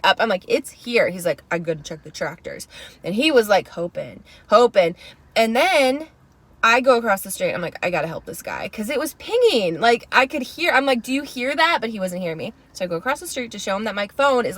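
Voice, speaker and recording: A woman chatting as co-host of a casual podcast. Her voice sits a little high and leaps around with lively expression. She tells the story vividly and slips into other people's lines as she goes. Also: no echo. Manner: animated storyteller acting out quotes. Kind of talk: casual chat.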